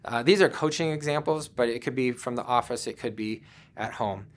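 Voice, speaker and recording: A man's voice: medium pitch, a little fast. A man giving a virtual conference presentation, talking in a conversational way and telling personal stories, often with "um" and "you know.". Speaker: conference speaker.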